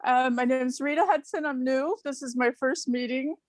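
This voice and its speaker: A woman's voice: sits high, moderate pace, dry recording. A woman in her sixties from Ohio, a new club member, telling a heartfelt personal story on a video call, chatty and laughing between phrases. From Ohio, USA. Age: 60s.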